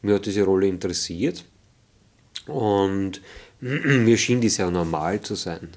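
A man's voice: low voice, expressive, slow, darkish tone. A middle-aged man talking in a behind-the-scenes interview, thoughtful and hesitant, with many fillers. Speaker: actor in an interview. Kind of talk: making-of interview. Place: dressing room with mirror lights.

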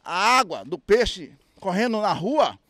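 Indignant dude in his 40s complaining into a reporter's mic outside, highish voice, dry. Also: sing-song, measured pace, a bit bright, dry recording. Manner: indignant, hesitant restarts. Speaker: interviewed local resident. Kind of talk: street interview complaint. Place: outdoors at a street market. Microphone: reporter's handheld mic.

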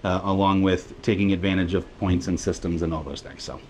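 Giving a laid-back walking tour aboard a cruise ship, through indoor spaces and onto open decks, a travel vlog co-host chats easily and laughs between remarks. His voice sits low with a level tone and a fairly quick pace, over slight background noise.

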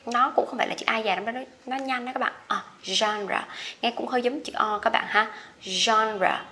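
A woman teaching English pronunciation, saying each word slowly and repeating it clearly for learners. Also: on the high side, fairly even intonation, bright, forceful tone, a little hiss or hum. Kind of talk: pronunciation lesson.

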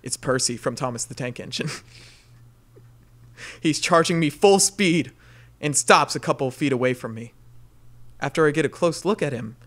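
A man co-hosting a casual comedy podcast, reading out a listener's dream as an animated storyteller who laughs often. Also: on the high side, unhurried, long pauses.

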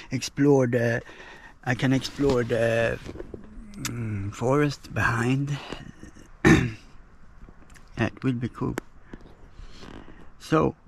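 A slow-talking man in his thirties vlogs his camping trip into a close-held action camera, outdoors and in a small tent. His voice has a gravelly edge, and his English halts as he hunts for words. A faint hiss of outdoor noise sits under him. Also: medium pitch. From Sweden. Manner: halting, searching for words in English. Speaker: bike touring vlogger. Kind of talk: casual solo vlog narration.

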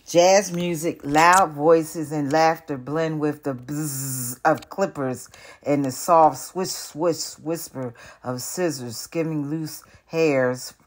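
A retired teacher, an older woman with a low-pitched voice, reads a picture book aloud, narrating carefully and deliberately.

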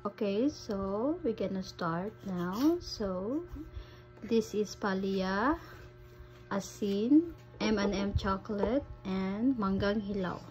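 A mother from the Philippines guiding her young child through a taste game at home, with slow, coaxing instructions. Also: medium pitch, a little mellow, soft background music, low-quality recording. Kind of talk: homeschool lesson with her child.

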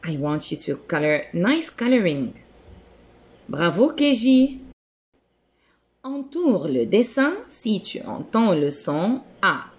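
A woman with a lowish voice teaching a lesson to small children. She talks very slowly and deliberately, and her pitch swoops up and down as she encourages them with frequent praise. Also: very animated. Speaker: kindergarten teacher.

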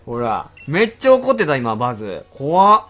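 A man hosting a game channel, giving live commentary with excitable exclaiming reactions and rapid grumbling. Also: medium pitch, faint music behind.

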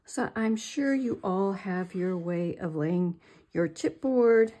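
A craft tutorial host, an older woman at her work table, demonstrates a project step by step, chatting slowly with self-deprecating asides. Her voice is mid-range with a dark tone.

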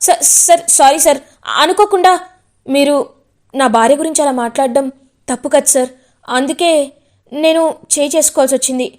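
A woman's voice: high voice, fairly quick, long pauses, a little mellow, lightly acted. A woman voicing a polite, deferential young male writer in a retold serial. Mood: apologetic. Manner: deferential, apologetic.

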